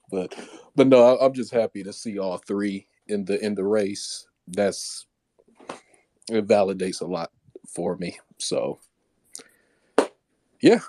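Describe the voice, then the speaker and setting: A man's voice: on the low side, takes it slowly, long pauses, warm tone, slight background noise. A man in a casual online voice chat, talking loosely with many hedges. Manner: loose, hedging with frequent likes. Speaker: participant in a crypto community audio space.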